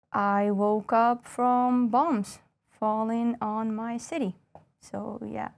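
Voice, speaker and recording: A Ukrainian-accented woman in her thirties, a stand-up comic guesting on an interview. She talks casually with dry, self-mocking humor at an everyday middle pitch. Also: a little mellow. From northwest Ukraine. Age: 30s.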